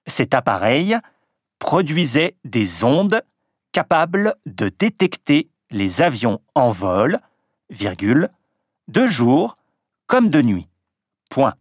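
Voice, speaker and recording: A man reading a text aloud as a dictation, pronouncing each punctuation mark in a lower voice. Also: big pitch swings, dry recording, studio quality. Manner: measured and deliberate, drops pitch on spoken punctuation marks. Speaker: dictation reader. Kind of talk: slow French dictation, punctuation spoken aloud.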